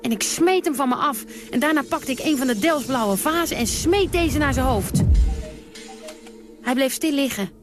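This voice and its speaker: A woman's voice: high voice, expressive, moderate pace, over music. An actress playing a brash, defiant woman who tells of her wild nights in a theatrical radio monologue, blunt and dry with sudden outbursts. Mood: fierce.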